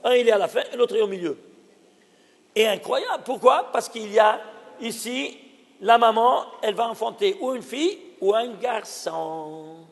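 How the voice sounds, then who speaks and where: An animated rabbi, a man, teaches in a hall with a long, lingering reverb. His voice sits very high with a gravelly edge, and he keeps exclaiming and putting questions to his listeners. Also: moderate pace. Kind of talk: Torah lesson.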